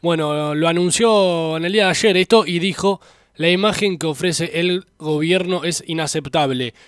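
A radio talk-show host reports political news in a conversational, slightly hesitant style. His voice is a little high, bright, clear and resonant at normal speed, captured with studio quality and no room sound.

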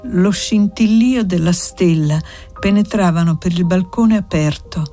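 A woman reading a classic novel aloud as audiobook narration, measured and steady. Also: lowish voice, soft background music. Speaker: audiobook reader.

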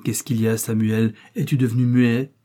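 A man voicing a bossy, domineering middle-aged wife who fires off sharp, impatient questions. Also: medium pitch, fairly even intonation, moderate pace, lightly acted. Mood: alarmed.

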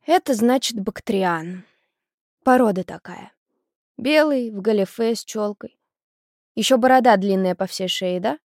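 A woman doing a calm know-it-all boy. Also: mid-range voice, unhurried, pauses often, no echo, clean studio sound, lightly acted. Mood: explaining. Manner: matter-of-fact, explaining. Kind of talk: audiobook character voice.

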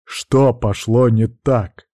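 A man doing a tormented djinn lord in an audiobook, loud and urgent, breaking into desperate, pleading outbursts. The voice stays mellow and dark underneath, recorded close and dry. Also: medium pitch, steady tone, drawn-out words, no room sound. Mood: anguished. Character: anguished, hot-tempered male lord of the djinn.

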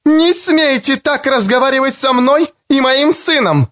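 Man doing an enraged, distraught mother, high and shaking, for an audiobook. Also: animated, a little slow, fairly bright tone, exaggerated voice. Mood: furious. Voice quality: high strained trembling voice. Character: furious shrill distraught adult mother. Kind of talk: audiobook character voice.

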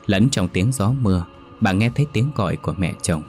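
A man narrating a ghost story in a slow, measured storytelling voice. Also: on the low side, expressive, a little mellow, soft background music. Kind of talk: scripted horror story narration.

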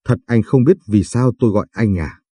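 A man's voice: fairly low pitch, brisk, warm tone, slightly rough, no echo, studio quality. A man voicing a hot-tempered elderly father-in-law who scolds his sons-in-law in long angry tirades. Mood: stern. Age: older.

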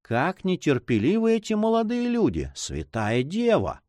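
A man voicing an old female duenna who sighs, grumbles and fusses in a high voice. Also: wildly swooping pitch, moderate pace, a little mellow, no room sound, studio quality. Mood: grumbling. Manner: sighing, fussy, grumbling.

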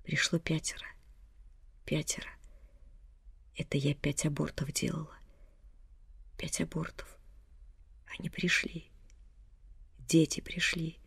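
A reader voicing a gravely ill older mother in an audiobook, speaking in hoarse, broken whispers. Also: medium pitch, flat delivery, a little fast, few pauses, no room sound. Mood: frightened whisper. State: gravely ill, breath failing. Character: dying older woman, hoarse, frightened then raging. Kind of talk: audiobook reading.

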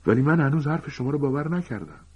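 A man's voice: mid-range voice, animated, vocal fry, husky, voice pushed up. A man voicing a defiant, distrustful teenage schoolboy in a storybook reading. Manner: sharp and defiant. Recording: dull lo-fi recording.

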